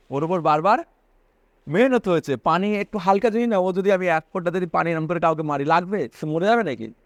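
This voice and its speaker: High-voiced preacher man, dry close sound. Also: no echo. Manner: repeats phrases for emphasis, asks listeners questions. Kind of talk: religious sermon to students.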